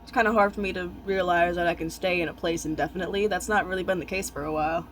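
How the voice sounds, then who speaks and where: A young man chatting casually while eating, talking with his mouth full in halting, musing short thoughts. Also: high-pitched, fairly even intonation, fairly bright tone, slight background noise, rough recording.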